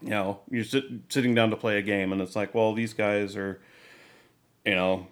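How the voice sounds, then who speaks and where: Lowish voiced guy chatting on a podcast, slow measured talk w lots of ums. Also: steady tone. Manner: measured, many fillers and restarts. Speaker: podcast co-host. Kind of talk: casual chat.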